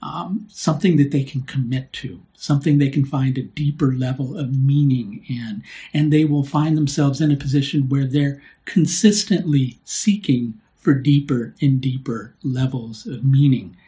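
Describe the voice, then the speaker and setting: Warm, conversational male astrologer. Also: mid-range voice. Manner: conversational, tags points with "right?"; unhurried, with filler "uh" and restarts. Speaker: astrologer hosting his own channel. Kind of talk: solo explanatory video talk.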